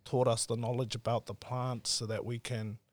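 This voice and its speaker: A man in his twenties speaks with a Māori New Zealand English accent at a medium pitch. He sounds laid-back and earnest, using colloquial turns of phrase as he answers in a casual interview. The recording is dry, with hardly any room sound. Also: level tone, normal speed, no room sound. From South Auckland, New Zealand. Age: 20s. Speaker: podcast guest, entrepreneur.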